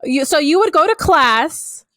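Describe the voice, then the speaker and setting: A young woman hosting a podcast, chatting casually and animatedly, with jokey asides and quick laughs. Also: sits high, expressive, fairly bright tone, dry recording. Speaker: podcast host. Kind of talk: casual chat.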